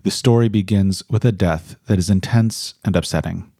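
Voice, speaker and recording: Man reading a content warning, low mellow voice, serious, very dry sound. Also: normal speed, dry recording. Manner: serious, careful. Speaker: series host.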